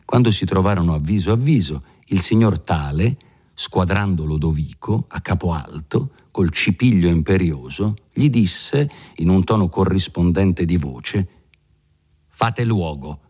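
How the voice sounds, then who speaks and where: A man reading a classic novel aloud in a measured, expressive way. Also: sits low, slightly rough. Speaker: audiobook reader. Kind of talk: scripted literary reading.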